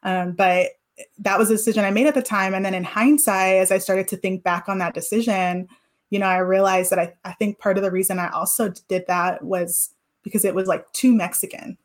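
In her thirties, this woman is an interview guest reflecting on her past, her speech full of fillers. She talks fairly quickly at a medium pitch with fairly even intonation.

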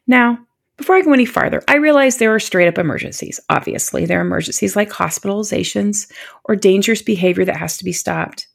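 Gravelly-voiced woman in her fifties hosting. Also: medium pitch, quick pace. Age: 50s. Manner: gentle, encouraging, confiding. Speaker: podcast host. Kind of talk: warm solo podcast talk.

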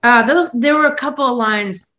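A woman's voice: a little high, moderate pace, sharp tone, faint music behind. Chatty woman co-hosting a rewatch podcast. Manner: chatty, self-deprecating storytelling. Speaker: podcast co-host, former actress. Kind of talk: casual rewatch podcast chat.

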